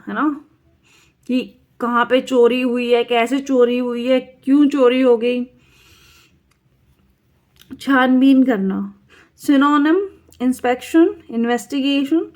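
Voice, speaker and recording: A woman with an Indian accent leads an exam-prep vocabulary lesson, saying each word again and again. Her voice sits high, and she keeps an unhurried pace. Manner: slow, drilling repetition of words. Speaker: English vocabulary teacher.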